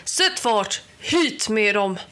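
A woman reading a storybook aloud, voicing a loud, taunting villainous male Christmas gnome chief. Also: mid-range voice, sing-song. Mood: bellowing.

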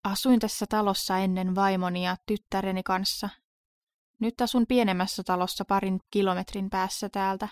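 A woman voicing a quiet, grieving widowed man in a storybook reading, speaking in a subdued, even way. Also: medium pitch, dry recording, natural voice. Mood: somber.

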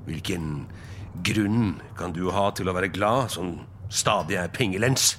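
A man voicing a sour, stingy old miser in a storybook reading, speaking low and growling. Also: fairly bright tone, slight background noise. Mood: grumbling.

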